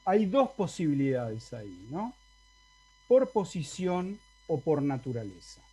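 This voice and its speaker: A man's voice: on the high side, very animated, measured pace, warm tone, faint music behind. A man with an Argentine accent teaching a university Latin class over a video call, explaining step by step and often checking in with his students. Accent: Argentine Spanish. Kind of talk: university lecture.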